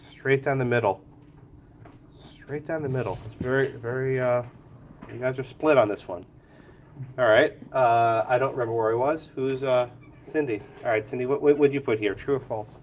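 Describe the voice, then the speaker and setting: A law professor, a bit congested and lower-voiced than normal today, teaches in a lecture room, naming students and pushing them with questions. His voice is medium-pitched, the audio dull with a little hiss or hum.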